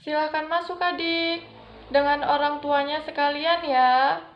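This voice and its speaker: Wanita memerankan perawat sopan bergaya layanan pelanggan, bersuara tinggi. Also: female voice, sits high, fairly even intonation, measured pace, faint music behind. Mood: polite, helpful. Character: polite female clinic nurse receiving patients. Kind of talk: scripted student role-play. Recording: echoey room, dull lo-fi sound.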